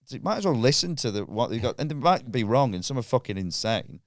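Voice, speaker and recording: Animated, swearing man. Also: medium pitch, fast, no room sound, studio quality. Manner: swears freely, animated, laughs often. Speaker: guest comedian. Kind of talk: casual podcast chat.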